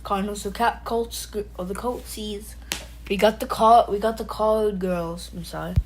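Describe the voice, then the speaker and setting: A woman's voice: mid-range voice, fairly even intonation, moderate pace, slight background noise, poor audio. Playful woman streamer chatting with her chat. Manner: playful, jokey, talks to chat by name; loose and rambling, frequent fillers and restarts. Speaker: livestream host. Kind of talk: casual live-stream chat.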